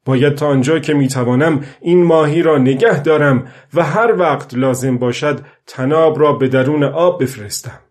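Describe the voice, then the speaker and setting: A man's voice: medium pitch, a little mellow, lightly acted. A man voicing a weary old fisherman who talks aloud to the fish and to himself, strained and pleading, in a storybook reading. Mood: worried.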